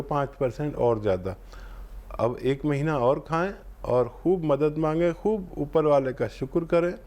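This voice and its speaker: A man with a fairly high voice hosts a call-in remedies show. He talks in an unhurried, reassuring way, spelling out doses and steps like a patient advisor. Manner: calm, reassuring, instructive. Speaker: herbal remedy expert answering callers. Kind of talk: phone-in advice show.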